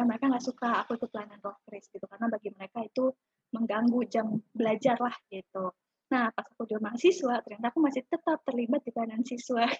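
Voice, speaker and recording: Young woman guest chatting fast, really husky, dry dull sound. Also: on the high side, no echo. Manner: animated storytelling with fillers. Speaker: panel guest. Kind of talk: casual chat.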